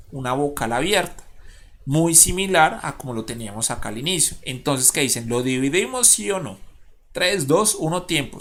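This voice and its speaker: A male schoolteacher with a Colombian Spanish accent records an online lesson for his pupils, speaking patiently, asking the class questions, and counting syllables aloud. His voice is fairly high-pitched and a bit bright.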